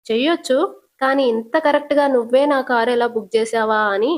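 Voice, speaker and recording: A woman's voice: a little high, fairly even intonation, a little fast, no echo, lightly acted. A woman telling it as a blunt teasing cab driver. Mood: needling. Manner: teasing, probing questions.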